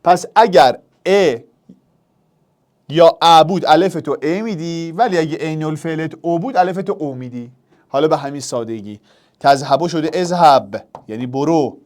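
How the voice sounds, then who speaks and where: In a fairly high voice, a young teacher leads an animated exam review, talking right to the student and posing rhetorical questions.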